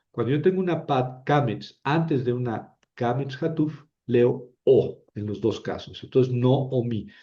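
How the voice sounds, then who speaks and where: A man's voice: mid-range voice, warm tone, muffled recording. A man teaching Biblical Hebrew, patiently sounding out syllables and often checking with "¿verdad?". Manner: patient, repeats syllables aloud, asks "¿verdad?". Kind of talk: slow classroom explanation.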